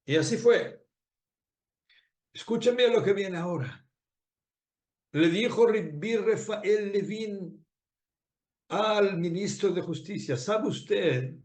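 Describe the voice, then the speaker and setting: A man, a rabbi, telling a moral story in a sermon, animated, with repeated phrases and rhetorical questions put to his listeners. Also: high-pitched, takes it slowly, pauses often, echoey room.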